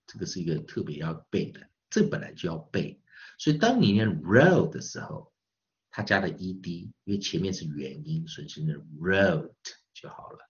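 A male pronunciation teacher giving a classroom lesson, asking the class questions and drilling words by repeating them slowly and stretched out. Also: sits low, big pitch swings, darkish tone, muffled recording. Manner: asks the class rhetorical questions.

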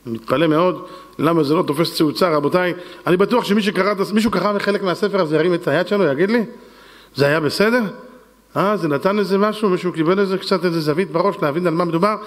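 High-voiced rabbi pleading in a hall. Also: male voice. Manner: insistent, pleading, repetitive. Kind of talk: fundraising sermon appeal. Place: synagogue hall with women's section. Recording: long hall reverb.

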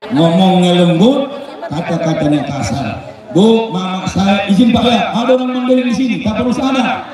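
Man, high voice, joking crowd speech, booming echo with a crowd behind. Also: moderate pace. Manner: joking, loud, acts out little dialogues. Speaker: speaker at a campaign welcome. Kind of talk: humorous moral speech to a crowd. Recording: heavy echo, far from the mic, crowd noise.

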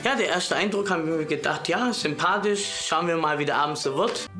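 A man's voice: on the high side, a little fast, bright, forceful tone, soft background music. A man in his thirties with a Swabian accent, hesitant and reserved as a dating show contestant. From southern Germany. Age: 30s. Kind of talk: casual chat and interview.

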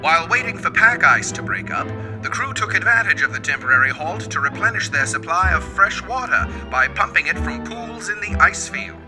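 High-voiced man narrating an old newsreel. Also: animated, fairly quick, few pauses, poor audio. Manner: formal, declamatory announcer delivery. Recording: narration over clear music.

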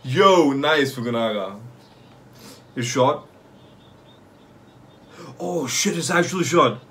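A young man giving excited live reaction commentary in casual street slang, swearing freely and repeating short phrases. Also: mid-range voice, slow pace, a little hiss or hum. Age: young adult. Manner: casual street slang, like "yo", "fam", "bro", "no cap". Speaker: anime reaction host. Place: small bedroom or home room, indoors.

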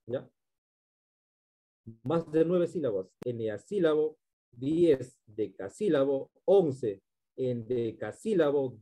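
A man's voice: mid-range voice, dark tone. A male teacher giving a literature class, explaining step by step and often checking in with his students.

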